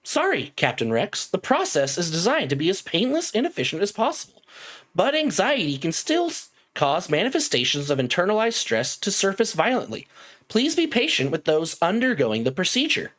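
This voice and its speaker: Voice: medium pitch, wildly swooping pitch, moderate pace, fairly bright tone, pitched above the performer's own voice. A game master voicing a courteous corporate AI assistant system that reads out formal announcements. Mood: patient.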